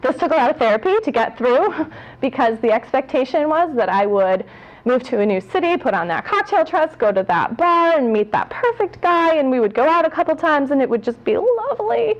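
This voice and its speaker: Woman, late 20s, public speaker, candid and self-deprecating, fairly high voice, dull lo-fi recording. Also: very animated, fairly quick. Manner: candid and self-mocking, laughs often. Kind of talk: personal talk to an audience.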